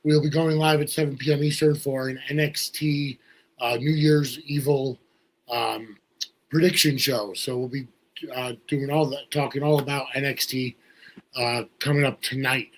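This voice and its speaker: A man's voice: medium pitch, fairly even intonation, normal speed, slight background noise, low-quality recording. A man from the US Northeast hosting a casual talk show, his voice not quite at full strength. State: voice slightly off, not fully recovered. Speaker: podcast host.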